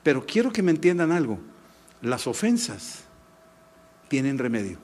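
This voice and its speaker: A middle-aged man with a Mexican Spanish accent, preaching a sermon and telling a personal story in a lively, emphatic way. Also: medium pitch, breathy edge. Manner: lively, shifts between animated anecdote and slow emphatic teaching. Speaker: pastor.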